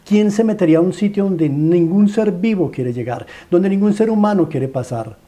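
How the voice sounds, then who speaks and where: A man's voice: high voice, lively intonation, normal speed, warm tone. A man with a Colombian accent preaching a sermon as a dramatic story, stacking rhetorical questions and repeated phrases in a pleading way.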